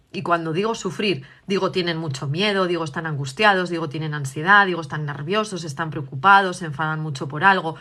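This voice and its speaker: A woman from gives a parenting talk on video. Her voice is bright and forward. She explains patiently and keeps checking that her listeners are still with her. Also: lowish voice. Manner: acts out parent and child dialogues. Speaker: parenting educator.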